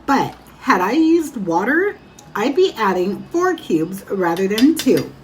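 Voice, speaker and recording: A woman's voice: mid-range voice, very animated, takes it slowly, a little hiss or hum, rough recording. A woman from Guam hosting a home cooking show, narrating a recipe in a chatty, instructional way and speaking straight to viewers.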